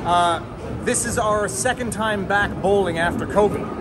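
Guy vlogging at the bowling alley, kinda high voice, loud music going behind him. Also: measured pace. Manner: chatty, explains bowling technique. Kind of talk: casual vlog at a bowling alley. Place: large indoor bowling alley. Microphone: phone camera at arm's length. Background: loud crowd and music.

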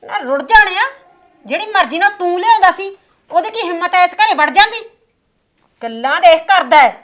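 A woman's voice: high-pitched, lively intonation, a little fast, fairly bright tone. An actress playing a stern but caring village mother who soothes her daughter-in-law and scolds her drinking son. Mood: scolding. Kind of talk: village family drama acting.

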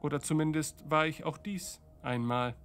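A man doing Q, a hushed vengeful god. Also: fairly even intonation, moderate pace, clean tone, soft background music, natural voice. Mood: cold hushed. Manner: low, hushed, half-whispered. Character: godlike male entity, bitter and vengeful.

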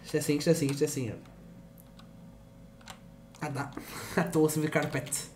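A man's voice: fairly high pitch, steady tone, fairly quick, background noise. A young man with a European Portuguese accent, streaming a game in casual chat, swearing a lot, teasing and loose.

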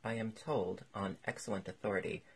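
A man's voice: on the low side, steady tone, brisk, breathy edge. A man reading aloud voices a pompous, long-winded older politician with a lecturing manner.

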